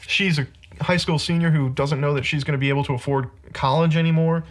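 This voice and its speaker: Male podcast host, slightly high voice, casual ranting critic. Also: steady tone, quick pace. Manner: ranting film critique, heavy use of "like".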